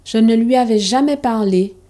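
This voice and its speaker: A woman's voice: on the high side, normal speed, dark tone, lightly acted. A woman voicing a young schoolboy who is kind and earnest, in a storybook reading.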